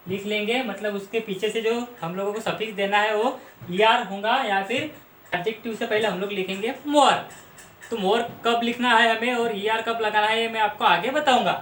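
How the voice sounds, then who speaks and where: In a roomy recording with faint background noise, a high-pitched, slightly bright male voice teaches English grammar. The speaker is from Maharashtra, India, and patiently explains while repeating lists of words in this explanatory lesson.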